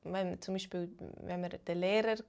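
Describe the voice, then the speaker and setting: A woman's voice: lowish voice, steady tone, gravelly, darkish tone. A woman from Switzerland who teaches Swiss German, chatting casually with live-stream viewers and greeting them one by one. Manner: greets chat viewers, slow and unhurried, switches between English and German.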